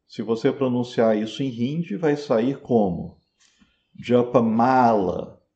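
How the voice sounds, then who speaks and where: In a slow lesson explaining Sanskrit pronunciation, a Brazilian Portuguese-accented teacher patiently repeats each word so learners can copy it. He has a fairly low, warm voice, captured on dull-sounding audio.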